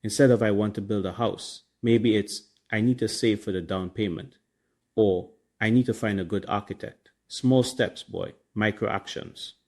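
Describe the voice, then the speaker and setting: A Trinidadian man with a fairly low voice hosts a relaxed podcast. His accent is clear in his island slang and grammar as he gives casual, motivational talk. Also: moderate pace. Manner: colloquial, Caribbean slang and grammar. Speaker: podcast host.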